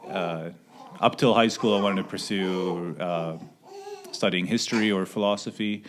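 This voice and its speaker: A man, a missionary answering interview questions hesitantly with many pauses and restarts. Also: deep voice, steady tone, a crowd in the background. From Sweden. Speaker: missionary pilot.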